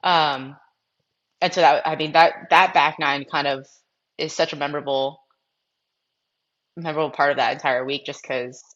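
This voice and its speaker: Low-voiced chatty young woman golfer. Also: steady tone, normal speed, pauses often, fairly bright tone, lo-fi sound. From Massachusetts, US. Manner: chatty, frequent fillers like "like" and "um". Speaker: podcast guest, professional golfer. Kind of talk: casual storytelling interview.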